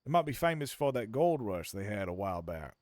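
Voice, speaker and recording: A man's voice: fairly low pitch, big pitch swings, a little fast, darkish tone, dry recording, clean studio sound. A man role-playing a reflective Californian drifter in the Old West, with an American accent and a folksy, theatrical way of repeating himself for emphasis. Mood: reflective storytelling. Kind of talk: improvised Western role-play.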